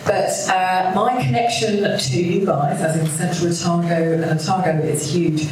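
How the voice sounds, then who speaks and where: A woman from India with a London accent, giving a friendly business pitch that speaks straight to the audience. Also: steady tone, normal speed. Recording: echoey room, mic far off, noisy.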